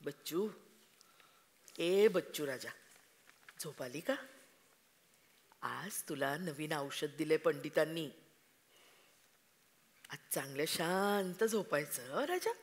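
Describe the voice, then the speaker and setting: A doting anxious mother, slow. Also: deep voice, expressive, exaggerated voice. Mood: soothing. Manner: coaxing, emotional, slow and deliberate. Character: anxious devoted mother of a troubled son. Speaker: actor in a staged reading. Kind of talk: live stage drama reading. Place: festival auditorium stage. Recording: long hall reverb.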